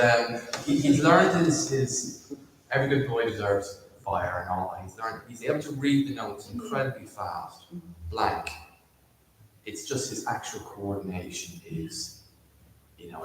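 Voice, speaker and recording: A man's voice: fairly low pitch, slight background noise. A man piano teacher telling a story on a panel, restarting and repeating words and laughing as he goes. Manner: halting, repeats words, laughs while talking. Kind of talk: panel discussion. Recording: distant mic in an echoey hall.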